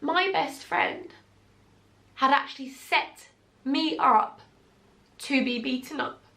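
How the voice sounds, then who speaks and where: A woman's voice: sits high, slow, bright, forceful tone. A woman in her twenties with an English accent, telling a rambling storytime vlog in a chatty way, full of fillers. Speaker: vlogger.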